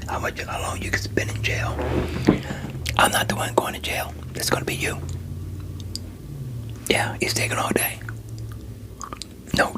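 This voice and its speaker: A performer in a whispered role-play voicing a veteran police interrogator who coaxes and pressures a suspect in a sceptical, streetwise way. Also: close to an everyday voice. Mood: impatient, dry.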